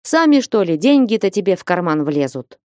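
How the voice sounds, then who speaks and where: A woman voicing a blustering, hot-tempered old male merchant in an audiobook, scolding and shouting. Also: mid-range voice, expressive, measured pace, dry recording, studio quality, lightly acted. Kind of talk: audiobook reading.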